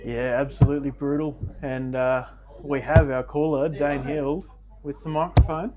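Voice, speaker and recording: A man's voice: mid-range voice, fairly even intonation, moderate pace, crowd noise. A man giving conversational live commentary on a darts match. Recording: loud background noise with clicks. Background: noisy darts venue.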